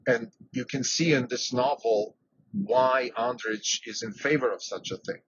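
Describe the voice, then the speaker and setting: A man's voice: medium pitch, a little slow. A man who grew up in Switzerland, hosting a solo podcast and thinking aloud, with frequent fillers and restarts. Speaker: podcast host. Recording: dull lo-fi sound with faint background noise.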